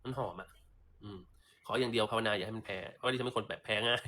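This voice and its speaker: A man's voice: mid-range voice, steady tone, racing, sharp tone, slight background noise. A man chatting sassily on a livestream while selling lipstick, with theatrical asides. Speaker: livestream seller. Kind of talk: casual livestream sales chat.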